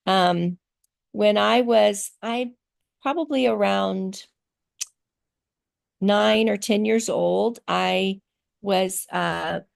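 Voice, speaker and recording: A middle-aged woman raised in Thailand responds to interview questions about teaching on a video call. She's thoughtful, pausing frequently and relying on fillers, and her mid-range voice has a creaky quality.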